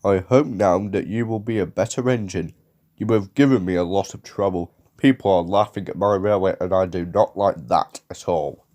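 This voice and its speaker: A man's voice: low voice, normal speed, darkish tone, natural voice. A man voicing a stern but kindly railway boss, speaking with authority in a storybook reading.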